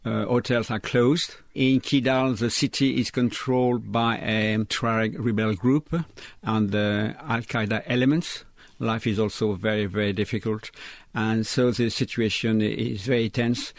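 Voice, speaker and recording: A man speaks as a live interpreter voicing a guest's account. He talks slowly and haltingly, with frequent fillers and restarts. The sound is close and dry. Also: fairly low pitch, steady tone, creaky, no echo. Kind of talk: live interpreter voice-over, rendering a guest's words.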